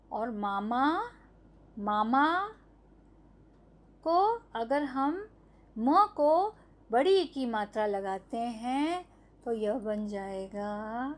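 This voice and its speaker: Woman teacher going super slow for little kids, kinda high voice, asks then answers herself. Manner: slow, drawn-out syllables, asks and answers her own questions. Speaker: primary school teacher. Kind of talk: online Hindi lesson for young children.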